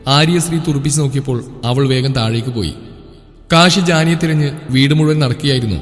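A man reading a romance story aloud in a steady, descriptive way. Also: medium pitch. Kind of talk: scripted narration of a romance story. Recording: echoey room with background music.

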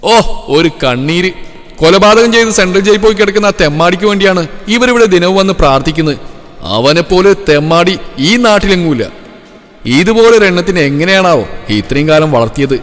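A man's voice: high voice, animated, fairly quick, pitched above the performer's own voice. A man doing jeering, scornful village men. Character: middle-aged village men jeering at a mother. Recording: reverberant audio with soft music.

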